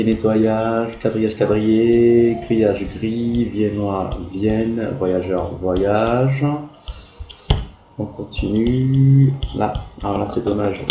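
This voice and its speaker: Man, primary teacher correcting spelling, spells letters one by one, warm mellow tone, roomy echo. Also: on the low side, creaky. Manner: slow, deliberate, spells words letter by letter. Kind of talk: correcting pupils' spelling work.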